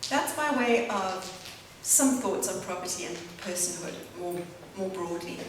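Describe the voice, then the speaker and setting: A woman's voice: fairly low pitch, animated, measured pace. A woman giving an academic lecture, reading from a prepared text and adding spoken asides. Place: lecture hall. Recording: very echoey hall, distant mic, faint hum.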